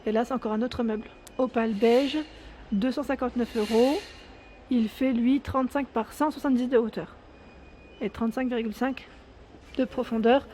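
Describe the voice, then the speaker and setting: Chatty french woman filming a store tour on her phone, mellow slightly high voice, faint shop hum behind. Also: steady tone, moderate pace. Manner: chatty, enthusiastic, reads out prices and sizes. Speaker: shopping vlogger. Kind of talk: casual store walkthrough. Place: large home improvement store, indoors.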